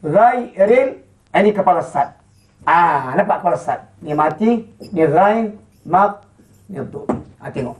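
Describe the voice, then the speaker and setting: A Quran recitation teacher with a Malaysian Malay accent, chanting slow model verses and then quickly explaining and quizzing pupils. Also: mid-range voice, lively intonation, darkish tone. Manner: quizzing pupils with short questions. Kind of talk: classroom lesson with call-and-response.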